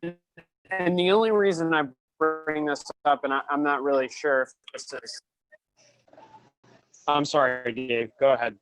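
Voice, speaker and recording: A man's voice: a little high, fairly even intonation, measured pace, pauses often, a bit bright, faint music behind, poor audio. A man on a school board meeting, speaking over a remote conference call that breaks up, hesitant and apologetic. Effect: remote conference call audio that breaks up. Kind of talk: meeting discussion. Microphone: remote call line.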